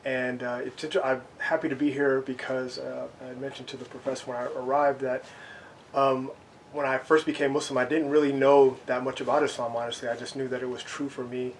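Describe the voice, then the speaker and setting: Rambling man with a flat voice. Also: medium pitch, brisk, slight background noise, rough recording. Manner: rambling, many fillers. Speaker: convert attending a Q&A. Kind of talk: self-introduction.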